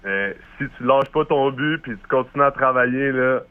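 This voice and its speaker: A man's voice: medium pitch, normal speed. A man with a Québécois accent chatting casually as an athlete in an interview, hesitant and slangy. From Quebec, Canada. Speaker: hockey player being interviewed. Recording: thin phone-like call sound.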